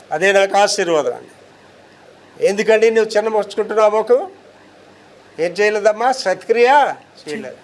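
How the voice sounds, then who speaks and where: A pastor from India preaching a sermon, emphatic and firing rhetorical questions at his listeners. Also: high-pitched.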